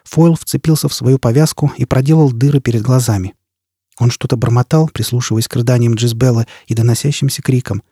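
Brief: male audiobook narrator, dark, husky, dry close sound. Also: medium pitch, fairly even intonation, a little fast, no echo.

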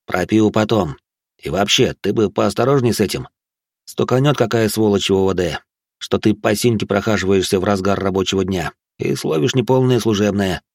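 A man's voice: lowish voice, fairly quick, gravelly, no room sound, studio quality. A man reading an audiobook, voicing a stern, commanding male police detective who speaks curtly and bossily. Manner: curt, bossy.

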